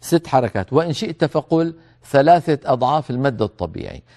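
A man giving a tajweed lesson, calmly explaining the rules and slowly repeating words to demonstrate them. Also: mid-range voice. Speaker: Quran recitation teacher.

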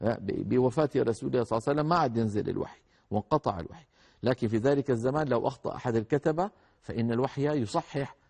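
A man teaching tajweed, explaining rules to students and chanting verses slowly to demonstrate correct pronunciation. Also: mid-range voice, gravelly, a little mellow, slightly rough. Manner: addresses students directly, correcting common mistakes. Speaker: Quran recitation teacher. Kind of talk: tajweed lesson with recited examples.

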